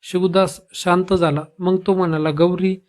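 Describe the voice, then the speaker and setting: A man tells a devotional tale in a high voice. His delivery is steady and even, with very little rise and fall. The effect is calm, scripted storytelling. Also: moderate pace.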